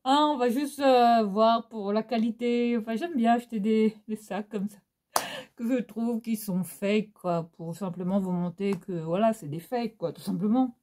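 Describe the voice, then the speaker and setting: Her voice sits on the high side with a dark tone, and she takes her time. This fashion vlogger, who has a Réunionese French accent, chats casually with viewers about her haul, staying theatrical and filling her talk with laughs and fillers.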